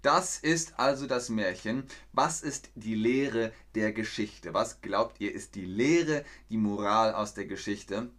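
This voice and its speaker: A man's voice: on the low side, slow, hardly any pauses, a bit bright. A man teaching German on a live stream, reading a fairy tale aloud, explaining words and greeting viewers from the chat. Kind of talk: slow storytelling lesson with chat replies.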